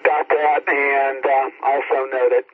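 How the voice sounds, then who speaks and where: A man's voice: medium pitch, level tone, slow pace. A man running an amateur radio net as net control operator, heard over a static-laden radio channel as he reads back call signs and calls for check-ins. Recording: tinny radio transmission with crowd noise.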